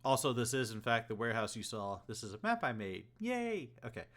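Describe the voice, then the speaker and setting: A man running a tabletop game as game master, recapping the story in a relaxed way with frequent fillers. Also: medium pitch, a little fast.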